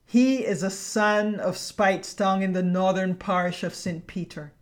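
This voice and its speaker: Slow, measured Barbadian woman narrator. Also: medium pitch, steady tone. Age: middle-aged. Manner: measured, deliberate, poetic phrasing. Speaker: podcast host and essayist. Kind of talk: scripted reflective narration.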